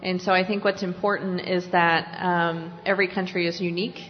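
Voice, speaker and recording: A woman answering a question at a panel discussion, explaining her points in a measured way with occasional fillers. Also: fairly low pitch. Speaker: partner organization spokesperson. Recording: reverberant hall, dull lo-fi sound.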